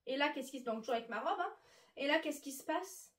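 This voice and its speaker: A woman telling a story to her viewers while sorting her clothes, chatty and animated. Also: high voice, quick pace. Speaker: vlogger. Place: bedroom with wardrobe. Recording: echoey room, mic at a distance.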